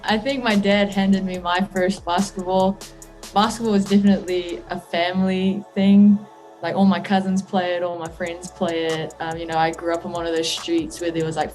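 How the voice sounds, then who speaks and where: A young adult woman from New Zealand, a college basketball player, answers interview questions in an easygoing, thoughtful way. She has a New Zealand accent and a fairly low, darkish voice.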